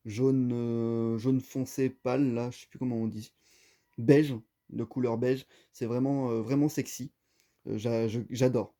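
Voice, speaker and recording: A man talks through an unboxing in a casual, rambling way, full of fillers and little asides. His voice is very mellow and dark, at an ordinary pitch for a man. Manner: rambling, filler-heavy, chatty. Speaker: unboxing vlogger. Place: at home.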